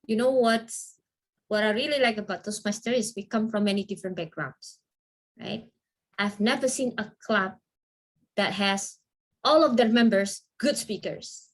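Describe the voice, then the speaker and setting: A woman leading an online training session and answering questions in a lively, encouraging way. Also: mid-range voice, normal speed. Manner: lively, encouraging, asks listeners to confirm.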